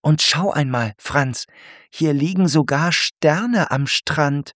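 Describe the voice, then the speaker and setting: A high, fussy little snail lady with a head full of questions, as a man reads her in a storybook, lifting his voice well above his own. She sounds slow and careful, recorded close and dry. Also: fairly bright tone, dry recording. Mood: awed. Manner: fussy, questioning, easily amazed. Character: small curious proud female garden snail. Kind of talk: storybook character voice.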